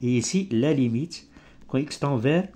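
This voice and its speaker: A man with a mellow, dark voice of medium pitch gives an improvised maths lesson. He is not a native French speaker and talks slowly in halting, broken French, often searching for a word and making small grammatical slips. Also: expressive. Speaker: maths teacher.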